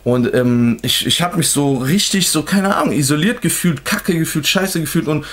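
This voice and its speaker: A man's voice: fairly high pitch, lively intonation, normal speed, a bit bright. A young man talking straight to the camera in a vlog, telling a long personal story in loose slang, full of fillers and restarts. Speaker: vlogger. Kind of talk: casual storytelling.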